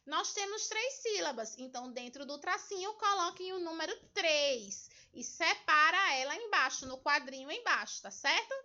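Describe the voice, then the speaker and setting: A woman from Brazil teaching young children with a very high, piercingly bright voice. She speaks patiently and breaks words into syllables for them. The recording is dull and lo-fi. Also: animated, moderate pace, few pauses. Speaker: primary school teacher. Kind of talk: remote homework lesson walkthrough.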